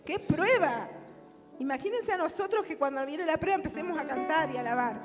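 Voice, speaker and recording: A woman's voice: sits high, expressive, a little fast. A woman preacher with a Rioplatense Spanish accent gives a sermon and closing prayer, often asking the congregation rhetorical questions. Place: church hall. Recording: reverberant church hall with music.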